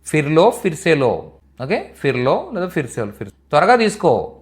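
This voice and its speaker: A man's voice: fairly high pitch, huge pitch swings, normal speed. A man teaching in a live online language class, repeating each phrase patiently for students. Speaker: Hindi teacher.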